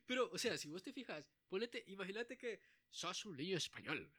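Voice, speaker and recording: A young man co-hosting a casual chat, animated and quick to laugh, often acting out the lines he talks about. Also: sits high, no room sound. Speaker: podcast co-host.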